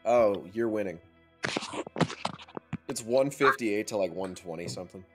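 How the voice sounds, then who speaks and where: A man chatting on voice chat during an online shooter, excitable and joking, trash-talking his opponents. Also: fairly low pitch, unhurried. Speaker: gamer on a live stream. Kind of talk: casual gaming banter. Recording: game music behind.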